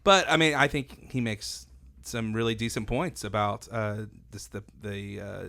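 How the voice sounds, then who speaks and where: Low gravelly man, wry. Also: steady tone, unhurried, pushed and bright. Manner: wry quips, thoughtful with many restarts. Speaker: podcast co-host. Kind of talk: casual chat.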